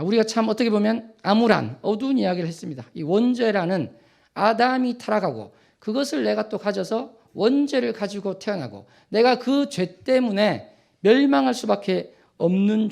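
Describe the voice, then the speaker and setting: A male pastor preaching a sermon, asking rhetorical questions to the congregation with frequent drawn-out fillers. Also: sits high, expressive, creaky, darkish tone.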